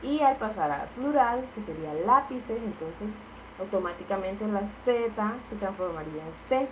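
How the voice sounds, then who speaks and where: A woman teacher walks through spelling rules with example words in a patient, explanatory way. Her voice sits at a middle pitch. A faint hum of background noise sits under her. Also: expressive, normal speed, rough recording. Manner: patient, explanatory, repeats key points with "entonces".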